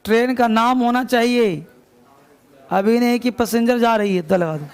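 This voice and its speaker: High, gravelly male teacher dictating slowly. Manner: slow spelling out words letter by letter. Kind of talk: classroom dictation lesson. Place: classroom.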